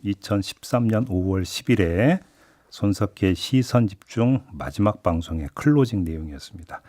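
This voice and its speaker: A man's voice: on the low side, expressive, normal speed, dark tone. A man hosting a radio interview at a studio microphone, playful and teasing with his guest in a radio studio. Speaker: radio host.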